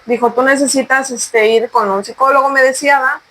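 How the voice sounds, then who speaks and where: A woman's voice: sits high, steady tone, brisk, fairly bright tone, slight background noise, poor audio. A woman sharing a personal faith testimony in an earnest, conversational way and urging listeners directly. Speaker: podcast co-host sharing testimony.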